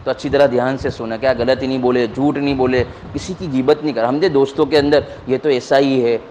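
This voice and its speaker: A man's voice: medium pitch, steady tone, darkish tone, dull audio, a little hiss or hum. A man preaching to students in a simple, repetitive style, asking questions and answering them himself. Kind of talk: moral talk to children.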